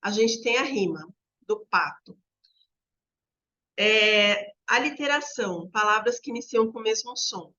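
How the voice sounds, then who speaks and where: A woman teaching fellow teachers in a relaxed lesson, walking through word examples one by one and drawing out the sample words slowly. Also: mid-range voice, lo-fi sound. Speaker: teacher trainer.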